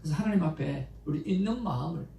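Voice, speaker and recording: A man, a pastor, giving a conversational Sunday sermon in a church, mixing stories with animated pleas to God. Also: on the high side, fast talker, creaky. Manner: conversational, anecdotal preaching with animated emotional quotes. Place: church sanctuary. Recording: echoey church room, mic at a distance, faint background noise.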